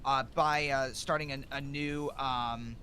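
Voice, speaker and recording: A man hosting a casual livestream, speaking in a halting way and often repeating his words. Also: mid-range voice, fairly even intonation, pushed and bright, a little hiss or hum. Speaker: livestream host.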